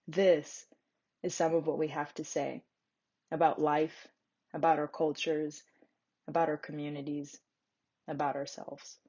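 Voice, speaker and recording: A woman giving a measured, poetic spoken-word narration. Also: sits low, level tone, warm tone, slightly rough, lo-fi sound.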